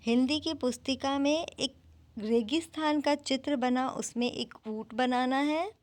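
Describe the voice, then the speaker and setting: A woman teaching a primary school class online, drilling words slowly one at a time. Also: high-pitched.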